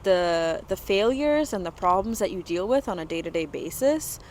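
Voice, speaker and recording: A woman's voice: fairly low pitch, animated, moderate pace, a little mellow, slight background noise, rough recording. A woman in her twenties from Dubai, a guest entrepreneur talking casually in an interview, full of "you know" and "like" fillers. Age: 20s.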